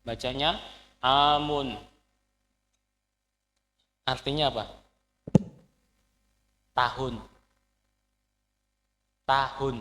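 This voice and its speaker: A man's voice: medium pitch, steady tone, drawn-out words, long pauses, pushed and bright. A man teaching an Arabic class, explaining patiently and quizzing his students. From Indonesia. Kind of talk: classroom lesson. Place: lecture hall. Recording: long hall reverb.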